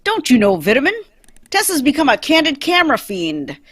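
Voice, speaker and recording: A woman playing Dick Tracy, a brisk male police detective, in a 1940s-style radio drama read. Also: high-pitched, wildly swooping pitch, no echo, studio quality. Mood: matter-of-fact.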